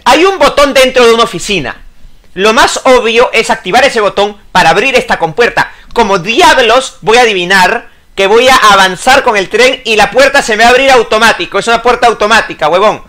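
A man doing loud let's-play commentary, swearing, yelping and ranting at the game. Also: extremely high pitch, lively intonation, a little fast. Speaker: gaming YouTuber.

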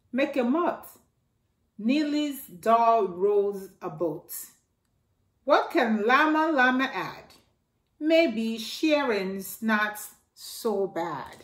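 A slow, expressive picture-book reading comes from a middle-aged woman acting as a children's storytime reader. Exclamations and a toy's voice send her pitch leaping high. The room, an indoor living room near a staircase, is echoey.

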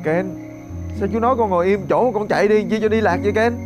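A man's voice: high voice, fast talker, over music, close to an everyday voice. An actor playing a guilty, apologetic man who lost track of a child. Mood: worried. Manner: apologetic, contrite. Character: guilty, apologetic young uncle figure. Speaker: actor in a TV family drama. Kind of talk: television drama acting.

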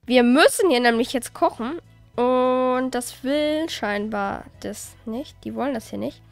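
A woman with a fairly high voice talks through her game session in a loose, chatty way. She grumbles, asks her viewers questions and curses lightly when things go wrong. Soft music plays behind her. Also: a little slow, gravelly, no echo. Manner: chatty, exasperated, swears lightly. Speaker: let's play host. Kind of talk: casual gameplay commentary.

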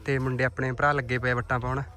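Bright-voiced Punjabi man vlogging outdoors. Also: medium pitch, little pitch movement, fast. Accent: Punjabi, Malwa. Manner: chatty, addresses viewers and friends informally. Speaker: vlog host. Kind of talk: casual farm vlog commentary. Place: outdoors in a farm field.

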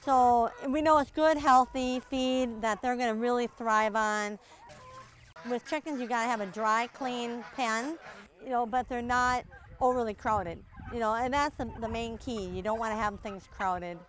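In a laid-back farm tour interview outdoors, a middle-aged farmer from Minnesota keeps up easy, folksy conversation filled with "you know." Her voice is a little high and steady at a measured pace. A little hiss or hum is audible.

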